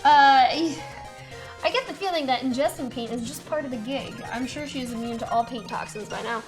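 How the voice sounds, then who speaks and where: A woman's voice: high-pitched, normal speed, over music. A woman in her thirties hosting a stream, chatting casually and laughing often while she paints. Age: 30s. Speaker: stream host. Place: studio set with a table.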